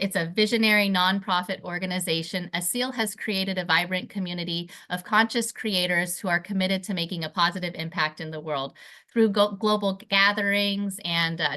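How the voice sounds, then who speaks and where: Bright, effusive woman host. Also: mid-range voice. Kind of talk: interview hosting.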